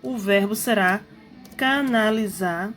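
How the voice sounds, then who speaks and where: A woman's voice: mid-range voice, slow, fairly bright tone, soft background music. A woman teacher, patiently explaining a grammar lesson, repeating points and checking that students follow.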